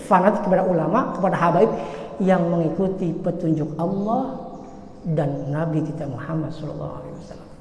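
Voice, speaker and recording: A man gives a casual sermon, addressing the congregation directly and joking with them as he goes. His emphatic points ring out loud, while his asides drop almost to a murmur. The recording is roomy, with a long reverb tail from the hall. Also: sits high, a little hiss or hum. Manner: chatty, addresses listeners directly and jokes with them; swings between loud emphatic and quiet asides. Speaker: preacher.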